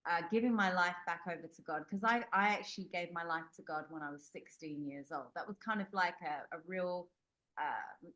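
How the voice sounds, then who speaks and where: A young adult British woman, a podcast guest, tells a personal story in an interview, candid and rambling with plenty of fillers and restarts. Her voice is lowish and fairly bright, at a moderate pace.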